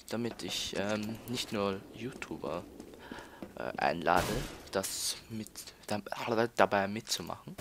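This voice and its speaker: A lowish male voice over a noisy background belongs to a teenage Austrian let's player. He chats through casual gameplay commentary, stalling, repeating words and using lots of fillers.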